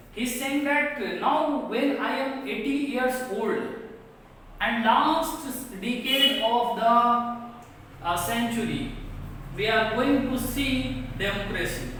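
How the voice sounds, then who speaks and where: A woman teacher with an Indian English accent reads a textbook passage aloud to students, slowly and repetitively explaining it line by line in simple words, paraphrasing each line after reading it. Her voice is a little high and a bit bright, captured from far off in an echoey room with a little hiss or hum.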